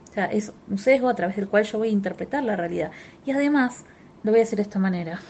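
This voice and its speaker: Woman therapist, Rioplatense accent, mellow voice, emphatic and direct, faint noise behind. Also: mid-range voice. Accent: Rioplatense Spanish. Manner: emphatic, repetitive, addresses listeners directly. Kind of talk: explanatory talk.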